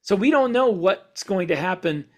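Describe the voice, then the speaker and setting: A science fiction author co-hosting a podcast speaks in an animated, high-sitting voice at normal speed. He explains things in casual shop talk, his sentences wandering and correcting themselves as he goes.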